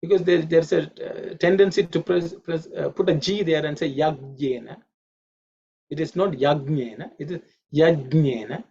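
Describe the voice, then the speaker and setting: A man's voice: a little high, steady tone, fairly quick, vocal fry, few pauses, warm tone. A man teaching a Sanskrit class online, patiently repeating each word's pronunciation and explaining its meaning. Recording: dull lo-fi audio.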